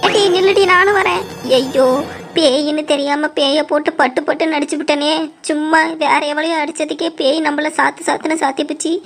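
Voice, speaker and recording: A woman voicing a bold, bossy village woman in a cartoon, scolding and excitable. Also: sits high, a little fast. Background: music.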